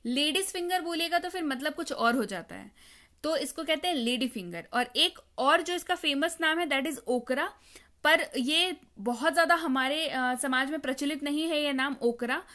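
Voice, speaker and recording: A woman's voice: sits high, moderate pace, bright, forceful tone. A woman gives a patient vocabulary lesson. She says each word twice and asks the listener to repeat it back. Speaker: teacher. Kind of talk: spoken English vocabulary lesson.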